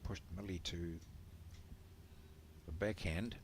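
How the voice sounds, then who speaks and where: Male sports commentator, low gravelly voice, very slow, measured calls. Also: steady tone, a little hiss or hum.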